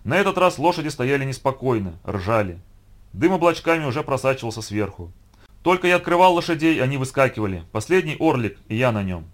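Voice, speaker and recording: A man narrating a first-person story in a steady, even storytelling voice. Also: medium pitch, fairly quick. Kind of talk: audiobook reading of first-person prose.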